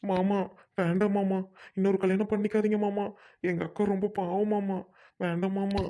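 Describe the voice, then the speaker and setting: Woman as a pleading younger brother, family melodrama skit, mellow tone, sounds off-mic. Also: mid-range voice, little pitch movement, moderate pace, natural voice. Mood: remorseful. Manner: pleading, repeats "uncle" (brother-in-law).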